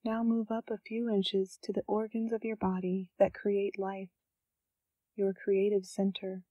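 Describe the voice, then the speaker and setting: A woman with a mid-range voice guides a scripted meditation, unhurried in her pauses and gentle and calm in her instructions. The recording has no echo but sounds muffled.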